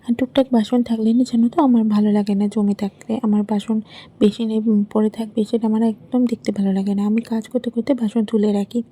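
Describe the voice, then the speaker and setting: Her voice sits a little high, dark in tone with a breathy edge, and stays level. She's a young woman with two little girls, casually narrating a home vlog from her bedroom and kitchen. She rambles chattily, padding pauses with "I mean" and plenty of other fillers.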